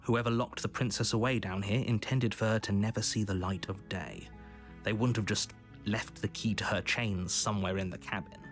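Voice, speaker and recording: A deep-voiced, grave storyteller for a dark video game, played by a man. He is stern and disapproving, with an exasperated edge, over faint background music. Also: steady tone, normal speed, close to an everyday voice. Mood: stern, dismissive. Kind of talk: dramatic video game narration.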